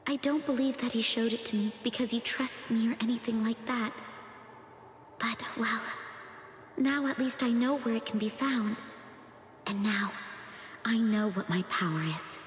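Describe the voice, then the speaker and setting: Casting: soft earnest anime game heroine, slightly high voice, inner thoughts in long reverb. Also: female voice. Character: gentle, quietly resolute teenage girl. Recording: echoing long reverb, faint noise.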